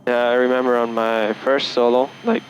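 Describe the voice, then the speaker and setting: In the cockpit of a small plane mid-flight, a student pilot chats casually for his vlog and handles radio calls at a moderate pace in a mid-range voice. The recording is muffled headset audio fed by cable, with constant light aircraft engine noise underneath.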